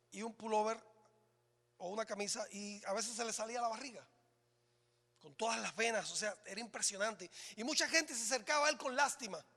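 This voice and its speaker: A male pastor preaching a sermon in a church, dramatic, swinging between loud exclamations and hushed lines. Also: high voice. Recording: reverberant church hall.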